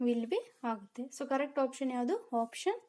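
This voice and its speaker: High-voiced woman teaching grammar. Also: animated, moderate pace, dark tone. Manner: explains step by step and asks rhetorical questions; mixes Kannada with English terms. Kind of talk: exam-prep lesson.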